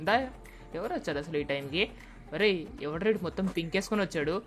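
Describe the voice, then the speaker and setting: A woman voicing an exasperated young man who scolds and shouts at a kid, in a game dub. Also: fairly low pitch, quick pace, faint music behind, close to an everyday voice. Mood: puzzled. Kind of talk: game dub role-play.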